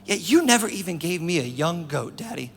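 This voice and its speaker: A man's voice: extremely high pitch, very animated, normal speed, pushed and bright, big-room sound, pitched above the performer's own voice, full character voice. A man voicing a resentful grown son who complains like a sulky child, acted out in a sermon. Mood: aggrieved. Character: resentful grown older son, whiny and petulant.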